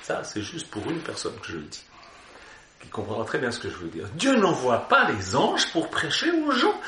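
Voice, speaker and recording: A man's voice: mid-range voice, wildly swooping pitch, moderate pace, bright, forceful tone, a little hiss or hum. A man preaching an Easter sermon, exhorting his listeners and breaking into joking asides. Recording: roomy hall echo.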